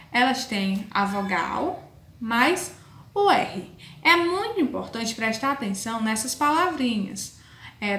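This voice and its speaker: A woman teaching a recorded class to children, speaking slowly and carefully, spelling words out letter by letter and calling her pupils dear. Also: fairly high pitch, fairly bright tone. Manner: affectionate toward pupils. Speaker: primary school teacher. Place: room with a board. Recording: echoey room.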